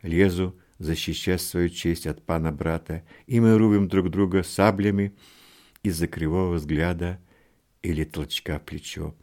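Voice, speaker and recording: A man voicing a learned adult scholar, soft-spoken and ironic, in an audiobook. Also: low voice, steady tone, unhurried. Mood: wry.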